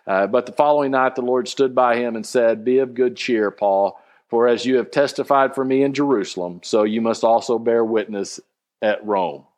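A man's voice: medium pitch, steady tone, moderate pace, darkish tone. A man teaching a casual Bible study, reading scripture aloud and explaining it with many fillers and restarts.

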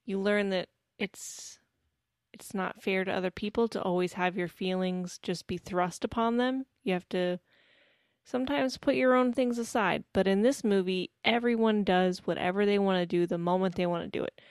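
A woman co-hosting a casual podcast, chatting about a film with deadpan, jokey asides. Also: medium pitch, moderate pace, clean tone, no room sound, clean studio sound. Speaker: podcast co-host. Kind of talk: casual film discussion chat.

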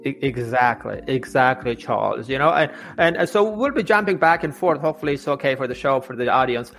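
A man's voice: medium pitch, animated, a little fast, gravelly, a bit bright, faint music behind. A man, a life coach, telling his story as a guest in an interview, often repeating words and restarting sentences.

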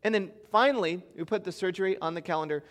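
A man preaching a sermon as pastor, telling stories with animated swings between loud emphasis and quiet asides. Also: high-pitched, fast talker, in a large hall.

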